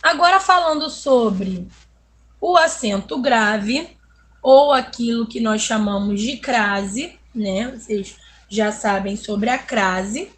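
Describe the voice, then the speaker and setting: Patient teacher drawing out vowels. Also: female voice, fairly high pitch, takes it slowly, a bit bright, a little hiss or hum. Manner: patient, stretches out example words and vowels; ends phrases with "tá?" checking in with pupils. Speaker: primary school teacher. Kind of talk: video lesson for children.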